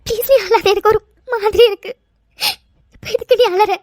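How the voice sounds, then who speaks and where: A woman voicing an emotional young woman in a cartoon dub, who speaks in a soft and hesitant way. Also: very high voice, steady tone, moderate pace, no room sound, clean studio sound. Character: tender, emotional young woman, often tearful.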